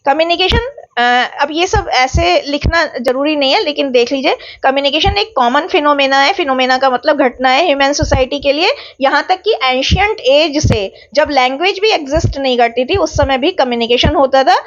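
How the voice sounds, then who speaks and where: Woman teacher, high voice, patient repetitive explaining, slightly dull lo-fi recording. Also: animated, normal speed. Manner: explains patiently, repeats key words, mixes English terms. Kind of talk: exam revision lecture.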